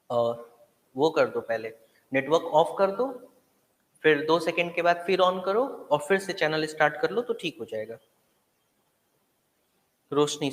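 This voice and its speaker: A man with an Indian accent teaching a live online class, repeating terms slowly so students can memorize them. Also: fairly high pitch, fairly bright tone. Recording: echoey room with long reverb.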